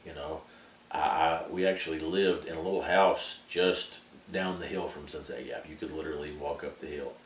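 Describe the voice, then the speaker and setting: Real deep guy recalling old times, kinda halting, roomy echo, some background noise. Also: steady tone. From Appalachian Tennessee, US. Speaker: interviewee sharing memories. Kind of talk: casual oral-history recollection. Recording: echoey room, distant mic, background noise.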